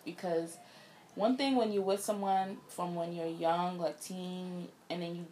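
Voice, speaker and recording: Lower-voiced woman giving relaxed advice. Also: measured pace, a little hiss or hum. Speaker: podcast co-host. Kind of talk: casual chat.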